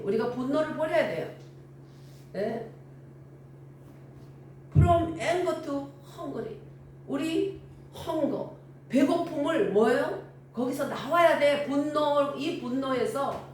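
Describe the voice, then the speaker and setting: A woman's voice: high-pitched, slight background noise. Older woman preaching in an echoey room. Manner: animated storytelling with acted-out dialogue. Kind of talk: sermon. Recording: echoey room from far off with faint ambience.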